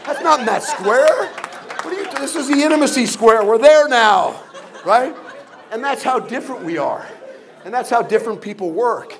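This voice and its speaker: With some chatter in the background, an older man guesting at a motivational event delivers humorous stories packed with jokes and acted-out voices, asking the audience rhetorical questions. His voice is very high-pitched and fairly bright, with lively intonation and a moderate pace.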